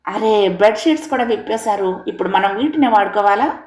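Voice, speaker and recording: A woman's voice: medium pitch, expressive, fairly quick, a little mellow, lightly acted. A woman voicing an angry, shrewish wife who scolds and accuses, in an echoey room. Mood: shrill.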